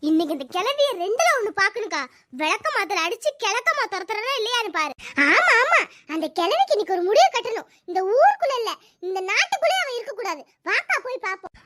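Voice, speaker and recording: A woman's voice: very high voice, very animated, brisk, sharp tone, heavily acted. A woman voicing a fierce, bossy village sister in a cartoon, scolding and giving orders. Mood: angry, determined. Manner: scolding, commanding. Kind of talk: cartoon voice acting.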